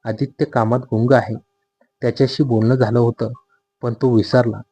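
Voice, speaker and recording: A man doing a polite, hurried college friend. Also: medium pitch, little pitch movement, dark tone, natural voice.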